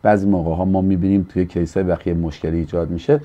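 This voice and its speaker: Pastor guy from iran on a church tv talk show, low mellow voice, earnest and preachy. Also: little pitch movement, dull audio. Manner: earnest and preacherly, acting out quoted people with a livelier voice. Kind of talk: studio talk show, teaching about church life.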